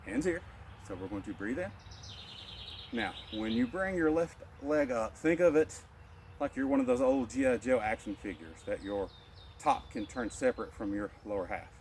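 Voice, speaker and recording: A man teaching a martial arts qigong lesson, calmly cueing each breath and movement. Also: medium pitch, normal speed, background noise. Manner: calm, instructive, cueing breaths. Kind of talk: guided qigong class.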